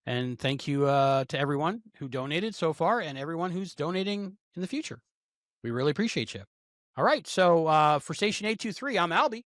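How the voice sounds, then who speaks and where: A man's voice: fairly high pitch, animated, brisk, fairly bright tone, no room sound, studio quality. A man hosting a casual podcast chat, upbeat, thanking the guests and listeners in turn. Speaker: podcast host.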